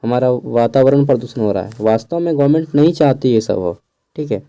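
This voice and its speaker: A young man teaching an exam-answer lesson in a casual, chatty way, keeping his voice low in a small room at home and adding asides. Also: fairly quick, warm tone. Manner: chatty, digresses with asides and chuckles; keeps his voice down so neighbours won't hear. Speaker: teacher going over an exam paper.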